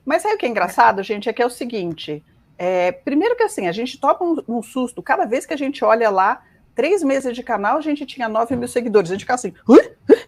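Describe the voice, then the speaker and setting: A woman's voice: on the high side, big pitch swings, brisk. A woman with a Brazilian Portuguese accent co-hosting a live chat, explaining things frankly. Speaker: co-host, teacher.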